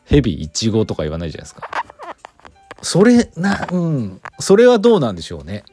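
A man's voice: a little high, huge pitch swings, fast, mellow, soft background music. A man in his forties from Aichi with an Aichi accent, chatting casually and rambling through many fillers as a podcast host. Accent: Aichi Japanese. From Aichi, Japan. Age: 40s. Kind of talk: casual solo chat.

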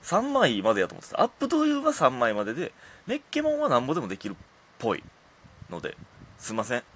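Chatty Kansai man, lively pitch. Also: quick pace, slightly rough. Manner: chatty and self-deprecating, laughs often at his own stories. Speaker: comedian hosting his own talk show. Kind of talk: casual solo radio talk.

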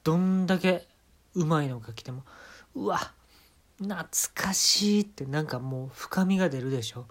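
Hosting a podcast, a man with a Kansai Japanese accent delivers a casual monologue, telling an absurd comic story and giving mock-serious instructions. His voice is fairly high, a little fast, and darkish in tone.

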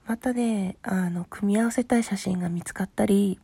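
A woman with a husky, rough morning voice, hoarse from sleep, chatting casually and politely as a podcast host replying to listener letters, often trailing into soft murmurs. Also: mid-range voice, moderate pace, no echo. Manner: polite, appreciative. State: hoarse from having just woken up.

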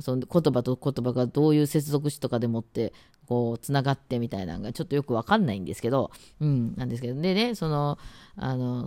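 A woman's voice: a bass voice, warm tone, no echo. A woman with an Osaka accent chatting casually on her own podcast, rambling with many fillers and trying words out aloud. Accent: Osaka dialect. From Osaka, Japan. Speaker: radio talk host and musician. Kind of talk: casual solo podcast chat.

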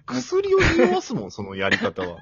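A man trading quick joking retorts in a casual podcast chat. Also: mid-range voice, wildly swooping pitch, creaky, slightly rough, dry recording. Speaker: podcast co-host. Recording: dull lo-fi dry audio.

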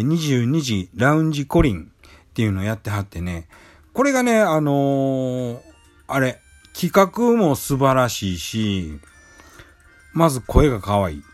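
A man with a Kansai accent hosting a casual solo talk show, rambling with many fillers and restarts. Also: mid-range voice. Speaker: podcast host. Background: faint background music.

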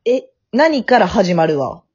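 Teasing Kansai woman with a husky voice. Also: medium pitch, sing-song, a little mellow. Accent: Kansai Japanese. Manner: teasing, quick banter. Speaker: podcast co-host. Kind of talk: casual chat. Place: at her family home. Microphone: remote call. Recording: dull lo-fi audio.

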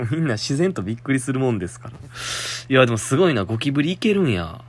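A man's voice: mid-range voice, very animated, fast, a little hiss or hum. A young man with a Kansai accent, hosting a solo talk show and chatting about a listener's letter in a rambling way. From Shiga, Japan. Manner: chatty, muttering to himself, laughing. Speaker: podcast host.

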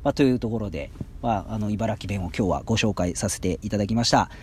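A man from Ibaraki hosting his own podcast, chatting casually with lots of drawn-out fillers. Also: fairly low pitch, a little hiss or hum. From Ibaraki, Japan. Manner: chatty, drawn-out fillers, acts out quoted rough dialect phrases. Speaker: podcast host. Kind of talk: casual solo talk explaining local dialect.

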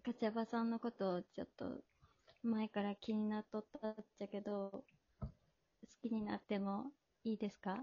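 A woman playing a shy, clingy young girlfriend in a soft, pleading Hakata dialect. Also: mid-range voice, level tone, normal speed, dry recording, muffled recording, natural voice. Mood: coy, pleading.

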